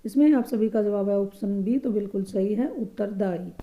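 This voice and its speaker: A woman teaching a grammar lesson for exam preparation, patiently explaining answers and repeating each correct word slowly and softly. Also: medium pitch.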